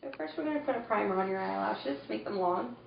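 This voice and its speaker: A woman's voice: medium pitch, animated, fast talker, vocal fry. A young woman chatting casually through a makeup tutorial in a tipsy, giggly, drunken way, picked up by a camera mic in a room at home. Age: young adult. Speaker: vlogger doing a friend's makeup. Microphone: camera mic a few feet away. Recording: dull, noisy, echoey, distant camera mic.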